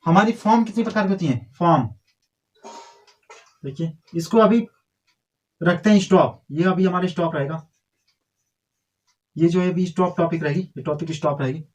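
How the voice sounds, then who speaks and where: A man's voice: fairly high pitch, normal speed, pauses often, darkish tone. A man teaching a grammar lesson to a class, drilling and correcting pupils in a scolding, repetitive way.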